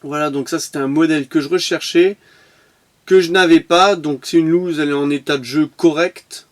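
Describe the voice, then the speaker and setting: A man's voice: a little high, fairly even intonation, moderate pace. Chatty man showing toy cars. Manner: chatty, with frequent fillers and restarts. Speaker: toy car collector vlogger. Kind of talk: casual unboxing vlog.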